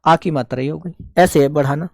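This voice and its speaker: A man's voice: on the high side, fairly quick, gravelly, darkish tone, no echo, studio quality. A man teaching a live online shorthand class, explaining each stroke step by step and patiently answering his students.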